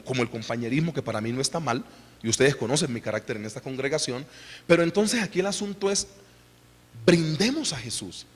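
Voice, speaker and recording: A man in his thirties with a Colombian accent, preaching a sermon in an animated, conversational way and putting questions to the congregation. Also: medium pitch, breathy edge. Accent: Colombian Spanish. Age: 30s. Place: church. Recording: long reverb of a church hall.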